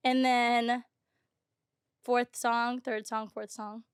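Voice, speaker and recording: A woman in her twenties, a podcast guest talking casually, full of "um" and "like" and quick laughs. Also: on the high side, flat delivery, clean tone, dry recording, clean studio sound. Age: 20s. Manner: chatty, laughs often, says "um" and "like". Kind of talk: casual chat.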